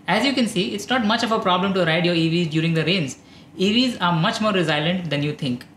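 A man in his thirties with an Indian English accent, calmly explaining as the host of an explainer show. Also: high voice, fairly quick, echoey room, a little hiss or hum. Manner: calm, informative, steady delivery. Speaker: EV channel host. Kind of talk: explainer talking to camera. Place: dark studio, indoors.

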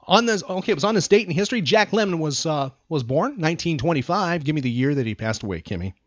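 A slightly dull, lo-fi recording with no echo captures an American man hosting a casual trivia podcast. He sounds animated and speaks quickly at a higher pitch, asking questions and explaining facts in short phrases.

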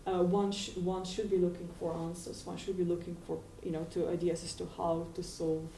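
A woman in her forties, with a fairly low, mellow voice and flat delivery, gives a brisk but hesitant response on an academic panel in a university seminar room, full of fillers and restarts. A far room mic captures her from a distance, making the sound echoey with slight background noise.

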